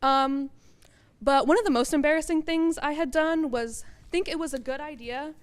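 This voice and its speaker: A woman's voice: high voice, fairly even intonation, normal speed. A young woman doing a stand-up comedy set on a college stage, blunt and self-deprecating, with casual swearing. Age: young adult.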